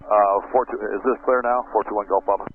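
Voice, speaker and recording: A man's voice: on the low side, steady tone, a little fast. A pilot, a man, making terse, clipped radio calls to the tower while his transmission keeps cutting out. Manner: terse, clipped call phrasing. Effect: choppy radio transmission that keeps cutting out. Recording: tinny air-band radio with static.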